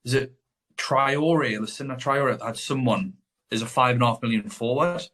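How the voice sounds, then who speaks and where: A man's voice: medium pitch, normal speed, fairly bright tone. A man co-hosting a podcast, chatting casually and rambling as he corrects himself mid-sentence. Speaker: podcast co-host. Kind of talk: casual chat.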